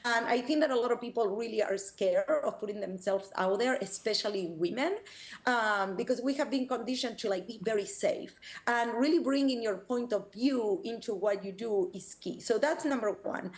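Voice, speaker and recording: Interviewed over a video call, a personal branding coach from Argentina talks with eagerness in her Argentine accent. She speaks at normal speed in a voice on the high side.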